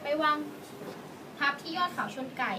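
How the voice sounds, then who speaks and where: A woman's voice: normal speed, very noisy. A young woman, a student, demonstrating a procedure step by step, politely and carefully reading out numbers. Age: young adult.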